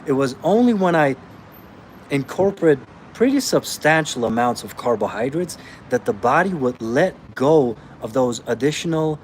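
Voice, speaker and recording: A man's voice: medium pitch, expressive, normal speed, darkish tone, slight background noise. A man from Austria, a fitness coach answering viewer comments in a blunt, emphatic way, calling listeners bro.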